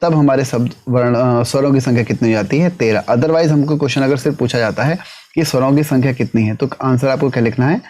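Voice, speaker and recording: Speaking at a middling pitch with a darkish tone, a man runs an exam-prep class, firing off questions and answering each one himself. He constantly checks in by ending sentences with the tag "है ना".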